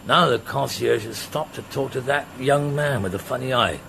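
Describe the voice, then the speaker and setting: An actor playing a contented middle-aged police inspector, amused and a little hesitant, in a radio drama. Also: male voice, medium pitch, moderate pace, vocal fry, pushed and bright, a little hiss or hum. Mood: contented, reassuring. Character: mature male police inspector on holiday, contented, quietly curious, absent-minded. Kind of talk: radio drama acting, British production.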